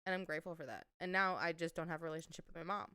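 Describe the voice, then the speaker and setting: A woman's voice: deep voice, rapid-fire, bright, forceful tone, smooth, no echo, studio quality. A woman in her twenties, co-hosting a casual podcast chat and talking candidly about family, often laughing. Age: 20s. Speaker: podcast co-host.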